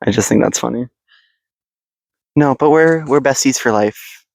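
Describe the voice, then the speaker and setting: Deadpan young man teasing outdoors. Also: medium pitch, unhurried, vocal fry, no echo, low-quality recording. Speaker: podcast co-host. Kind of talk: casual chat. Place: outdoors in the woods. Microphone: handheld mic passed between speakers.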